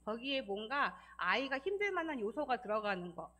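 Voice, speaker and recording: A woman's voice: a little high, very animated, a little fast, bright, forceful tone. A woman giving a church seminar lecture, explaining step by step, asking the audience questions and acting out parents scolding. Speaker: church lecturer on child abuse.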